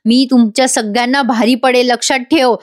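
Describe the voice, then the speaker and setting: A woman voicing a sharp-tongued, scheming older aunt who scolds and insults. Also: a little high, steady tone, normal speed, natural voice. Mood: scolding.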